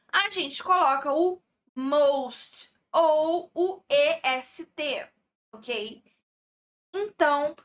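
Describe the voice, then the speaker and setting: Slow, bright-voiced Brazilian woman teaching. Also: high-pitched. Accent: Brazilian Portuguese. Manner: patient, explains step by step, checks in with "ok?". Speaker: English teacher. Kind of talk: exam-prep English lesson.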